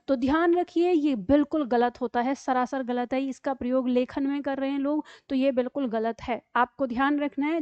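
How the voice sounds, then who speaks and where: A woman teacher walks through a grammar lesson step by step, often stopping to check that her students follow. Her voice sits high, and the recording is dry and a little dull. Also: a little mellow, dry recording. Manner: explains step by step with frequent "ठीक है?" checks. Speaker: Hindi teacher.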